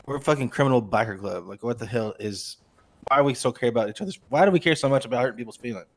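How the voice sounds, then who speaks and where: A man chatting in character as a member of a biker club, at an ordinary middle pitch. He is blunt and swears freely, egging the other man on. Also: lively intonation, rapid-fire. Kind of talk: in-character casual chat.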